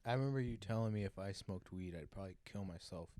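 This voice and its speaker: A man's voice: low-pitched, fast, warm tone. A young man co-hosting a podcast, chatting casually in a slangy, joking way and acting out little quotes. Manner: laid-back, slangy, jokey, acts out quotes. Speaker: podcast co-host. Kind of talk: casual chat.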